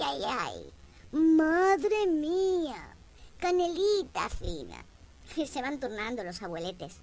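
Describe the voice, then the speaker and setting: A woman with a Spain Spanish accent delivering a comic monologue in a wry, sarcastic storytelling manner. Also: fairly high pitch. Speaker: comedian.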